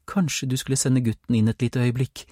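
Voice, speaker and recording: A man's voice: medium pitch, fairly even intonation, dark tone, no echo, clean studio sound, pitched above the performer's own voice, close to an everyday voice. A man voicing a polite, matter-of-fact woman official from a collection agency in an audiobook.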